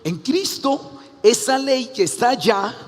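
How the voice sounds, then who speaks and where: An older man preaches to his congregation in a lively, animated way, slipping into the voices of the people he quotes. His voice sits high for a man. A long hall reverb trails behind every line. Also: measured pace. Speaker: pastor. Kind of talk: sermon.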